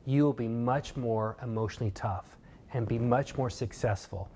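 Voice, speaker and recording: A man's voice: medium pitch, normal speed, dark tone, slight background noise. A man giving a motivational course lecture, telling a fable in an earnest, emphatic storytelling way. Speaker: motivational speaker.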